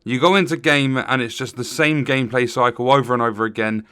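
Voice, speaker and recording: A man's voice: mid-range voice, steady tone, brisk, bright, forceful tone, clear, resonant tone. A man giving an unscripted video game review in a frustrated, matter-of-fact, complaining way. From Europe.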